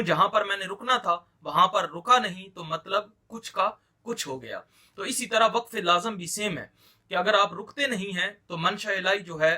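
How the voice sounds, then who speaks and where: A man with an Urdu accent explains a reading lesson. His voice is fairly high and very bright. He speaks patiently and repeats key points for emphasis. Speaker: Quran teacher.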